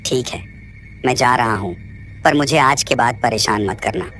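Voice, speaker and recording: A frightened young man in a ghost story, voiced by a man, talks in an anxious, pleading way. His pitch sits in the middle. Soft music plays underneath. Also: normal speed, close to an everyday voice. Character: frightened young man visiting a haunted ruin. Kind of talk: storybook narration.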